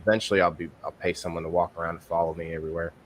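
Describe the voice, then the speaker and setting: A man with a low voice hosts a relaxed livestream podcast. He explains things in a loose, rambling way and keeps correcting himself as he goes. A faint noise sits under his voice. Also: racing. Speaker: podcast host. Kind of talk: casual livestream chat.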